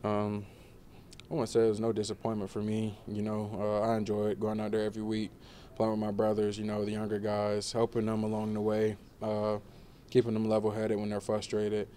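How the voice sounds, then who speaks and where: A young man in his twenties, a college football player, answering questions in a relaxed postgame press interview, with many fillers. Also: lowish voice, brisk, slight background noise. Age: 20s. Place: indoor media room before a banner.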